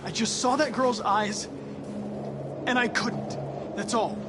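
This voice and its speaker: Game android: earnest young investigator, very high pitch, defensive, hesitant, music clearly behind. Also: male voice, fairly even intonation, slow. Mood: defensive, guilty. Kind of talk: dramatic video game acting.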